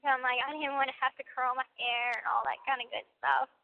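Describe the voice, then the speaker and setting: High-voiced woman on a tinny payphone call. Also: little pitch movement, fast, creaky, no echo. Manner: chatty, leans on "like" as a filler. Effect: payphone call over a prison phone line. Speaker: caller from a prison phone. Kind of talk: casual phone chat. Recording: tinny, dry payphone line.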